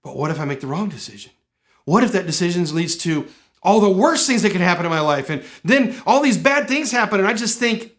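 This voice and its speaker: A man's voice: sits high, a bit bright. A middle-aged man hosting a podcast, giving an earnest, emphatic motivational talk full of rhetorical questions. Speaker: podcast host and personal development coach.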